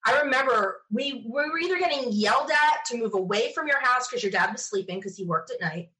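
As an interview guest, this woman chats through personal anecdotes, animatedly voicing what she and others said. She speaks fairly quickly in a slightly high voice, on a rough recording.

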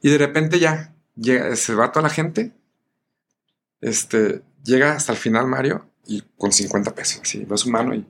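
A Mexican-accented man tells a story as a guest on a talk show. His voice sits at an ordinary pitch for a man, and his delivery is animated and conversational. He slips into the voices of the people in his story and fills the pauses with small fillers, with a faint hiss of noise behind him. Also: vocal fry. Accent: Mexican Spanish. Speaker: guest musician. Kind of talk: casual storytelling.

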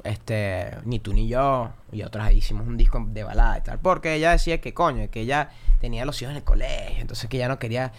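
A young adult man with a Venezuelan Spanish accent, a singer-songwriter telling animated, slang-filled anecdotes on a casual podcast. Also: medium pitch, quick pace, few pauses, slight background noise.

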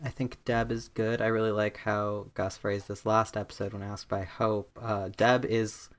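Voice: medium pitch, flat delivery, moderate pace. A player of a tabletop game talking in a hesitant way, full of fillers. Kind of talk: casual tabletop game chat.

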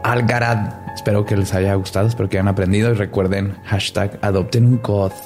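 A man's voice: on the low side, steady tone, a little fast, over music. A man co-hosting a podcast, playful and mock-serious. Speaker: podcast co-host. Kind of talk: casual podcast chat.

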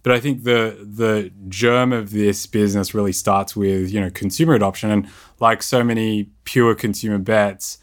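Low-voiced thoughtful investor man. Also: fairly even intonation, normal speed. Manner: thoughtful, reasoning aloud. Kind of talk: business pitch discussion.

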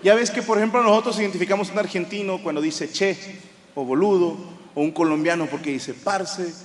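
Profane Mexican stand-up comedian, high voice. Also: male voice, brisk. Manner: profane, animated storytelling. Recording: live hall with crowd and noise. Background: audience laughter and murmur.

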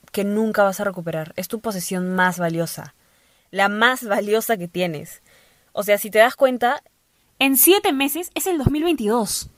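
A young woman hosting a podcast in a casual, playful monologue full of quick asides. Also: mid-range voice, dry recording. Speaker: podcast host.

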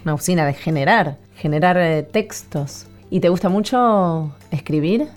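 Woman, Rioplatense accent, radio host, low pitch, playful and encouraging with a child guest. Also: animated, normal speed, soft background music. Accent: Rioplatense Spanish.

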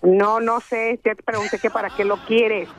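A woman's voice: on the high side, steady tone, normal speed. Angry jealous woman on a phone line. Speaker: prank call target. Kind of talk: phone call on radio. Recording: tinny phone line with crowd noise.

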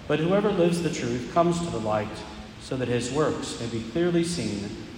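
A priest reading the Gospel and preaching at Mass in a measured, reflective way, his voice carried by a long cathedral echo in a large church. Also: mid-range voice, animated, darkish tone, a little hiss or hum.

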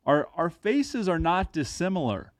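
A man's voice: on the high side, big pitch swings, measured pace, no room sound. A man in his thirties hosting a podcast in casual chat, with dry, self-mocking humor. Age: 30s. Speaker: podcast host.

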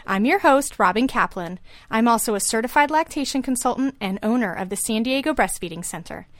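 A woman's voice: a little high, animated, a little fast, no room sound. A woman podcast host and lactation consultant, reading a scripted show intro in an upbeat way.

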